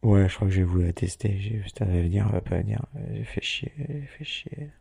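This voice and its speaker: Gravelly, low-voiced man rambling. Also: expressive, fast talker, mellow. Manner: rambling, swearing, laughing. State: hospital patient. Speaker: podcast host. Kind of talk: casual audio diary. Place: hospital.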